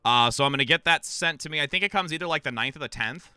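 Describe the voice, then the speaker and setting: A man's voice: on the high side, quick pace, pushed and bright, clean tone, no echo. A man live-streaming a video game, chatting with viewers and commentating his own match in a hyped, chatty way while sounding tired. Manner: hyped, chatty, reads chat aloud. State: tired, yawning.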